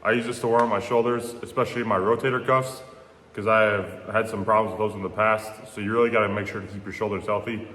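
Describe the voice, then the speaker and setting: A man's voice: lowish voice, steady tone, fast, fairly bright tone. A young man vlogging his workout in a gym, chatting to the camera and explaining each step as he goes. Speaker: fitness vlogger. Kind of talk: casual workout vlog. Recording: echoey room with long reverb.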